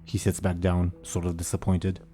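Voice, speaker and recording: A man's voice: deep voice, monotone, moderate pace, dark tone, slight background noise. A man running a tabletop game as game master, narrating casually.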